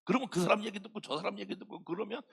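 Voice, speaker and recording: 굵게 갈라지는 목소리의 60대 남자 목사. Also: male voice, high voice, rapid-fire, gravelly, fairly bright tone, slightly rough. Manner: folksy, joking, talks straight to the congregation. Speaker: pastor. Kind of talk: sermon. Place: church sanctuary.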